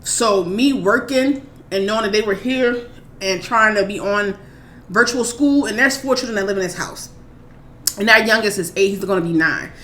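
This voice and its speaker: A mukbang vlogger in her thirties, from Maryland, USA, talks at normal speed in a mid-range voice. Relaxed and chatty, she meanders through viewer questions from home with frequent fillers, and the echoey room carries faint background noise.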